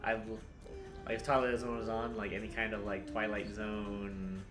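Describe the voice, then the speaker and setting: A relaxed, rambling man in his thirties, chatting casually and swearing now and then. His voice rings in an echoey room with faint music behind it. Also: lowish voice, normal speed. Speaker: co-host. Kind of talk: casual chat while drawing.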